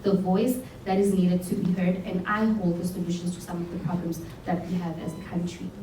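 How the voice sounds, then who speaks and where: Brisk and flat in delivery, a young South African woman with a lowish voice speaks earnestly about what she learned. She is a program alumna addressing a showcase, and she restarts a few times. The recording comes from far off in a roomy event hall, with a faint hum.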